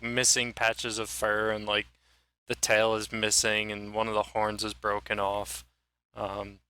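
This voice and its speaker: A man narrating a tabletop role-playing game as game master, describing scenes in a relaxed, loose way full of filler words. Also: mid-range voice, clear, resonant tone, dry recording.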